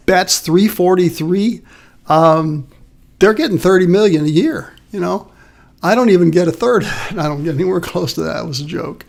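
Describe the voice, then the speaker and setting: Male host of a live investing show, gravelly, conversational, rhetorical questions. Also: a little high. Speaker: host presenting a stock portfolio review. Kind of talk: live webcast presentation walking through slides.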